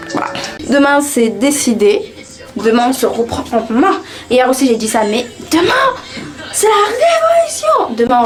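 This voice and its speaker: A young woman from France, eighteen, chatting casually to her viewers at home in an animated, self-mocking way. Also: fairly high pitch. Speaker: vlogger. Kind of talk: casual vlog chat to camera. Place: home, indoors. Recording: music playing clearly behind.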